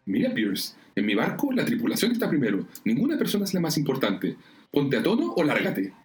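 A man's voice: medium pitch, huge pitch swings, a little fast, echoey room, pitched above the performer's own voice. A man voicing a stern woman who captains a sailing crew, giving firm, solemn commands. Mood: indignant.

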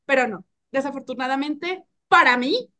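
Playful high-voiced Mexican woman. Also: normal speed, pushed and bright. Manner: playful, candid, laughs often, acts out sultry voices. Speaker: guest, erotic fiction author. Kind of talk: casual podcast conversation.

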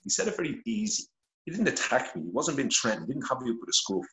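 A very animated middle-aged Irish man talks fast in a medium-pitched, fairly bright voice, telling his story candidly as a podcast guest. He's blunt, earnest and swears heavily into a phone held to his face, with an echoey room and low-quality recording.

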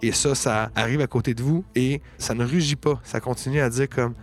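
A man with a Quebec French accent, narrating a tabletop game as game master in an unhurried, descriptive way. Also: medium pitch, fairly even intonation. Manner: descriptive, unhurried storytelling with many fillers.

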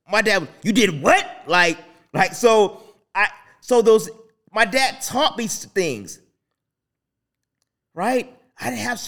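A man in his thirties with a fairly high-pitched voice hosts a faith-themed talk show as a podcast host. He tells personal stories casually and animatedly, often restarting his sentences.

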